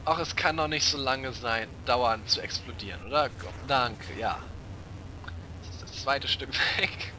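A man's voice: medium pitch, measured pace, pushed and bright, a little hiss or hum. A man playing a video game and commenting on it, sarcastic and mocking. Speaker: let's player. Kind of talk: gameplay commentary. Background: game music.

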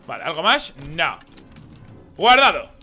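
Excitable gamer man, very bright voice. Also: on the high side, unhurried, soft background music. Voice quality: excitable, swears and blurts reactions. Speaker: gaming streamer. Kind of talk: live gameplay commentary.

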